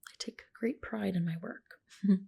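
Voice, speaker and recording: In this personal-attention ASMR roleplay, the creator takes the part of a medical spa practitioner, speaking at a medium pitch and moderate pace. Her whisper is soft and breathy, close to the microphone, and her client-care manner is gentle and reassuring.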